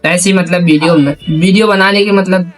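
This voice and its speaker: A man's voice: high-pitched, fairly even intonation, normal speed. A man making a prank call video, chatting casually in a hesitant, repetitive, rambling way. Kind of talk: casual phone chat and vlog talk.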